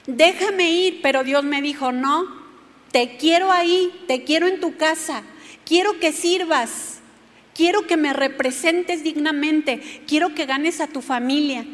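A woman's voice: high voice, a little slow. A woman preaching a sermon, telling a personal testimony and speaking straight to her listeners. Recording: long church hall reverb.

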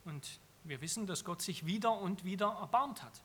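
A man's voice: sits high, animated, moderate pace, fairly bright tone, husky. A man preaching an earnest sermon on a psalm, emphatic and often repeating phrases for stress.

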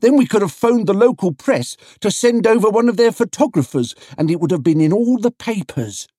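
A man's voice: sits high, lively intonation, brisk, warm tone, no room sound, studio quality, voice pushed up. A man voicing chatty male market traders in a storybook, folksy, emphatic and full of advice. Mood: excited, opinionated.

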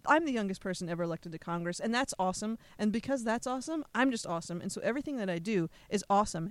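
A woman's voice: a little high, no echo. Chatty sarcastic woman host. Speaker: podcast host. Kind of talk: casual podcast chat.

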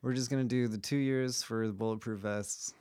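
A relaxed young man hosting a podcast and talking through an idea with a buddy, loose and jokey and full of asides. His voice sits at a middle pitch and sounds dry and close to the mic, with hardly any room around it. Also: clean tone, no echo. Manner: laid-back, joking, quick asides. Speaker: podcast host. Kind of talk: casual explainer chat.

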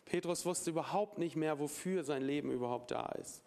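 A man preaching a sermon, retelling a Bible story with lively storytelling, acting out the dialogue and adding informal asides. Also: fairly high pitch, fairly quick, vocal fry.

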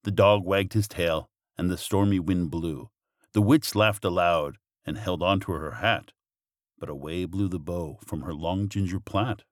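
A man reading a rhyming bedtime story in a gentle, rhythmic way. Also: low voice, a little slow, dry recording, clean studio sound.

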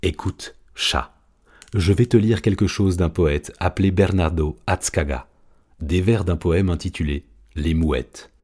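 A calm male poet speaks in a deep, measured voice, as a reader plays him. He speaks gently and evenly, storybook style. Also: husky. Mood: recital. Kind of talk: audiobook reading.

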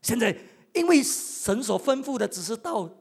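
A male pastor preaching a sermon with animated delivery, swinging between loud outbursts and quiet asides and repeating words for emphasis. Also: very high voice, normal speed, gravelly, husky.

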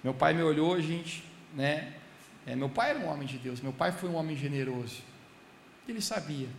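A man's voice: a little high, expressive, moderate pace, gravelly. A young man, preaching a sermon as a chatty story and often addressing the congregation directly. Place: church service in a large hall. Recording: echoey hall, faint background hiss.

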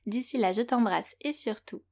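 A woman's voice: on the high side, moderate pace. A woman hosting a children's audio story show, narrating from a script in a playful way and speaking directly to the young listener.

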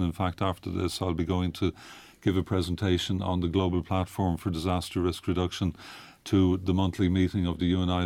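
A man with a deep, low voice who speaks as an interview guest. His answers are hesitant, full of fillers and restarts. The recording is close and dry, in a studio. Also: darkish tone, dry recording. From Ireland. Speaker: guest, head of communications. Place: radio studio.

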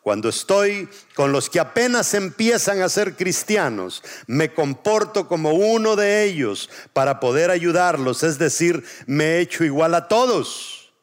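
A man's voice: on the high side, lively intonation. A male pastor preaching a sermon. He asks the congregation to repeat words after him and stretches out key phrases. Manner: call-and-response preaching, drawn-out emphasis.

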